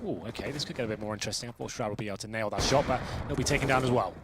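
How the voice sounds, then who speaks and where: A male esports caster calls the play at a rapid clip, breaking down options as he goes. His pitch is medium, and game noise sits clearly behind him. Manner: analytical, explains players' options.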